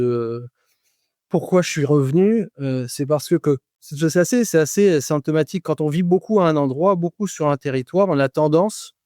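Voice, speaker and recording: A man's voice: a little high, a little mellow, no room sound, clean studio sound. A man in his forties, a guest on a podcast interview, speaking with frequent hesitations, fillers and restarts. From France. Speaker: guest, rum producer.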